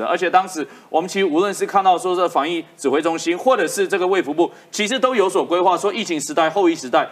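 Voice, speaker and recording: A woman with a Taiwanese accent giving live political commentary in an emphatic way, repeating her points for effect. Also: lowish voice. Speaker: political commentator on a talk show.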